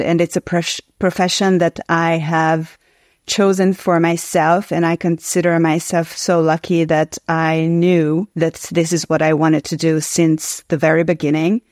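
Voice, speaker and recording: A Hungarian woman in her forties, a native speaker with a Hungarian accent, tells her story earnestly and reflectively as a guest actress in an interview. Her voice is lowish and darkish, recorded at studio quality with no room sound.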